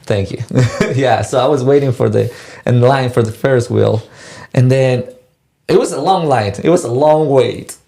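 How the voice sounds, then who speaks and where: A man's voice: medium pitch, vocal fry, dark tone. Young man. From Mexico. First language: Spanish. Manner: halting, restarts and repeats words. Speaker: guest. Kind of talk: casual personal storytelling.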